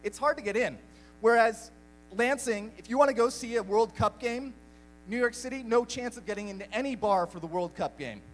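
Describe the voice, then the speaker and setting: Upbeat high-voiced young man on stage. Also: fairly quick, soft background music, poor audio. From Belgium. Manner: lively, jokey, addresses crowd directly. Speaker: speaker at a live community talk night. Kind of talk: upbeat live talk to an audience.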